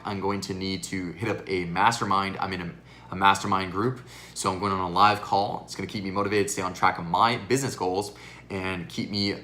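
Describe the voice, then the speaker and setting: A young male fitness coach talks earnestly and straight to his viewers in a casual question-and-answer vlog. His voice sits on the low side yet comes out bright and forceful. It sounds a little worn after hours of teaching classes. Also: slight background noise. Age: 20s.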